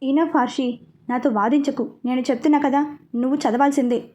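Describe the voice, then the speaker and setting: A woman's voice: sits high, steady tone, fairly quick, darkish tone, natural voice. A woman voicing a stern, protective young man in a storybook reading, speaking firmly and with authority. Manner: firm, commanding.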